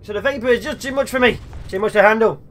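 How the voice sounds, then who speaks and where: A young man hosts a let's play, chatting and cracking jokes to himself while he plays. His voice is high, quick, and fairly bright in tone as he gives gameplay commentary.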